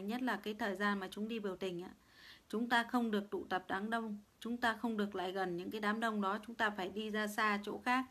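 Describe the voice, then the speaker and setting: A woman's voice: medium pitch, fairly bright tone. Woman, livestream host, rambling, repeats herself, blunt. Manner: rambling, repetitive, with many restarts; blunt and heated, hurling insults at a viewer. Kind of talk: late-night livestream talk.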